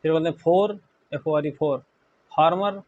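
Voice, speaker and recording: A man's voice: a little high, moderate pace, darkish tone, dull audio. A man from India teaching English grammar in a classroom-style lecture, spelling words letter by letter and often checking that students follow.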